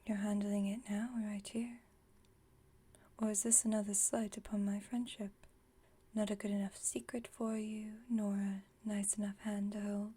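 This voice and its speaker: A woman delivers a soft, breathy ASMR roleplay as an aloof vampire friend whose caring side stays hidden. Lightly acted and mid-range with little pitch movement, she teases in a dry, unhurried way, and the intimate monologue feels wry and gently comforting.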